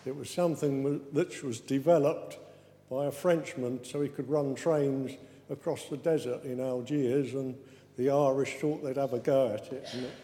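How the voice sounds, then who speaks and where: Mellow-voiced man talking in a hall. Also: mid-range voice, steady tone, moderate pace. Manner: chatty, good-humoured storytelling. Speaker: speaker describing a trip. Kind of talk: informal talk with slides. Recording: echoey hall with long reverb.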